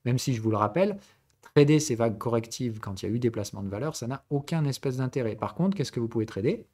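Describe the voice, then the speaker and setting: A man from southern France hosts a live-streamed trading lesson and answers questions from the chat as they come up. His voice sits in a middle pitch. He explains in a relaxed, conversational way and keeps stopping to check that the audience is following. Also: fast. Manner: conversational tutoring, mixing formal and familiar address. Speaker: trading instructor and stream host.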